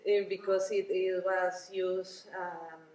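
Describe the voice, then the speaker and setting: Woman, halting, in a busy roomy hall. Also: lowish voice, level tone, a little mellow. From Costa Rica. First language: Spanish. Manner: halting, frequent restarts and small laughs. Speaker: violinist and ethnomusicology researcher. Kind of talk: conference interview. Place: busy conference venue. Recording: roomy, distant, with busy crowd murmur.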